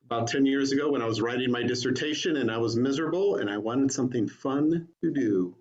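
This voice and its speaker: A man talks casually in a mid-pitched voice. The call audio is dull and lo-fi. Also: fast, darkish tone. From Chicago, USA. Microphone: video call.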